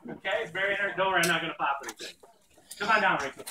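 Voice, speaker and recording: A middle-aged chemistry professor with a high voice talks rapid-fire, projecting to his class with playful showmanship during a live demonstration in a lecture hall. It is captured by a far-off camera in the audience, so the sound is distant, echoey, and noisy, like a phone recording.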